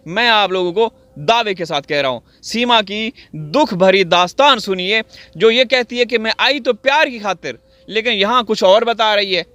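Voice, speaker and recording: A man's voice: high voice, bright, forceful tone. A man from Pakistan giving sarcastic, theatrical commentary outdoors, speaking straight to his viewers. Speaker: video commentator. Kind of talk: mocking commentary. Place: outdoors on wet farmland.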